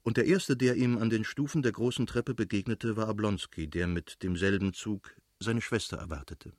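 A man reading a classic novel aloud as an audiobook narrator in a measured, literary way. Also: on the low side, dry recording, studio quality. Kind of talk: scripted narration.

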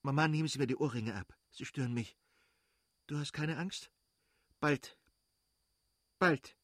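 A man voicing a frightened young woman in labor, with high strained cries and rushed, pleading speech. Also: fairly even intonation, breathy edge, no room sound, clean studio sound.

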